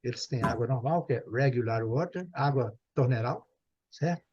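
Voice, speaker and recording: Um professor de inglês brasileiro dando aula online, paciente, repetindo e conferindo se o aluno entendeu. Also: male voice, mid-range voice, moderate pace, a little mellow, husky, dull audio. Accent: Brazilian Portuguese. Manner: patient, repeats and checks understanding. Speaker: English teacher. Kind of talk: online English class.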